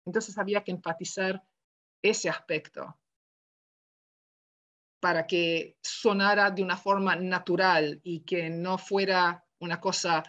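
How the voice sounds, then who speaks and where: A woman lecturing to teachers in a relaxed, conversational way, often asking "¿verdad?" and acting out quoted dialogue in her stories. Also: lowish voice, measured pace. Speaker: university education lecturer. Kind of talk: lecture given online.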